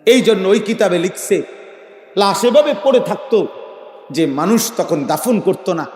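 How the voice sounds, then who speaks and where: Preacher man, high voice, shouty fired-up sermon, lots of echo. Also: lively intonation, unhurried. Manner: impassioned, chanting Arabic verses, often shouting. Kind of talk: fiery waz sermon. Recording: echoey amplified hall with long reverb.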